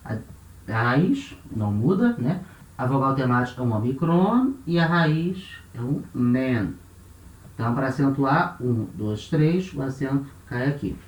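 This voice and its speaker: A man's voice: mid-range voice, animated, a little slow. A man with a Brazilian Portuguese accent teaching Ancient Greek grammar, explaining step by step and counting syllables aloud. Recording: roomy echo, voice off-mic.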